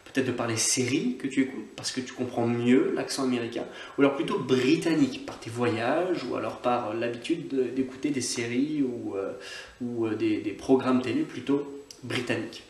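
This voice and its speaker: A man's voice: mid-range voice, normal speed, darkish tone, reverberant. A man from Scotland, an online English teacher, giving a chatty video lesson and drilling words by repetition. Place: on holiday, away from usual setting.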